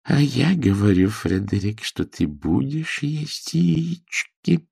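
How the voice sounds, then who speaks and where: Guy doing a bossy old governess lady, slow strict scolding, raised pitch, gravelly and husky underneath. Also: wildly swooping pitch, no echo, clean studio sound, exaggerated voice. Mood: insistent. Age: older. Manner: strict, drawn-out scolding commands. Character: stern old female governess, commanding. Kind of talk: audiobook character voice.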